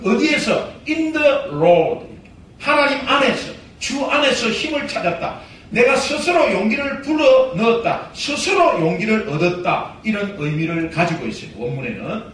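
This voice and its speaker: A man preaches a sermon in a strikingly high voice that leaps up and down. He pushes hard on his exhortations and then drops to quiet asides. The recording is very echoey and distant, with faint noise behind. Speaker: pastor. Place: church sanctuary. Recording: echoey hall, voice heard from afar, faint noise.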